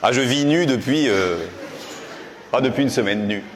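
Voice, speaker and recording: A man doing punchy stand-up comedy, animated and slangy, teasing his audience as he goes. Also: medium pitch, normal speed. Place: live comedy show before an audience. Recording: echoey live venue, loud audience noise.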